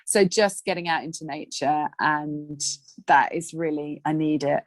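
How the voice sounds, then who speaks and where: A woman with a deep voice speaks a little slowly, recorded without echo. She's a guest coach on a podcast interview, chatting casually and animatedly about her life and work and acting out little scenes.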